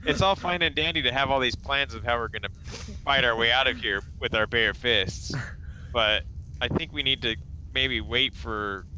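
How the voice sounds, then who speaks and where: Man chatting over clear background noise. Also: mid-range voice, moderate pace. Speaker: tabletop game player. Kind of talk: casual group game chat. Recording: clearly noisy room.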